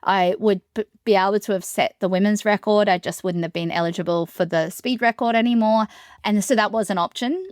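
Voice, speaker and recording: A woman who is a solo sailor, telling the story of her ordeal in an interview in a steady, matter-of-fact way. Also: mid-range voice, a little fast, dry recording, clean studio sound.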